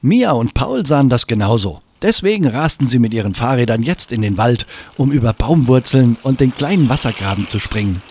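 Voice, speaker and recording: A man narrating a children's storybook in an expressive, lively way. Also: medium pitch, a little fast, breathy edge.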